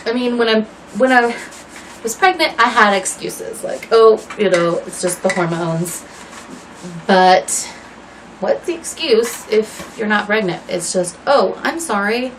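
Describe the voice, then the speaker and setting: A woman's voice: mid-range voice, animated, unhurried, slight background noise, poor audio. A woman in her thirties chatting casually to camera at home while dyeing her hair, rambling and apologetic with lots of fillers. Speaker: vlogger.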